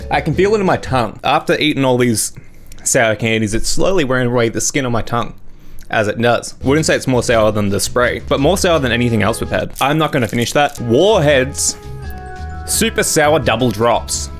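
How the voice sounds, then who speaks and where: A man's voice: medium pitch, animated, moderate pace. A young adult man chatting casually and drily as host of a taste test, talking while he eats sour candy. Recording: music behind the voice. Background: background music.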